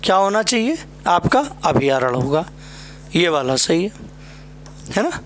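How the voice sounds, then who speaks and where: A man with a north Indian Hindi accent runs a spelling drill for exam aspirants. His voice sits high, and he takes his time, saying each word several times. He keeps checking in with short tag questions. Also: sing-song, a little slow. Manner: addresses students fondly as "बेटा" and "भाई मेरे". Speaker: Hindi exam coaching teacher. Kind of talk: spelling lesson at a board.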